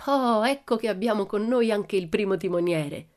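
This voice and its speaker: A woman voicing a bold, cheeky girl adventurer who talks in a lively, boastful, playful way. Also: lowish voice, brisk, close to an everyday voice. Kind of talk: audiobook character voice.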